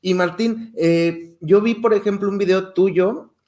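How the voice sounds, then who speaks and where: Guy hosting a video call chat, kinda high voice, friendly and encouraging. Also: steady tone, unhurried, darkish tone. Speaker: host. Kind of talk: casual chat.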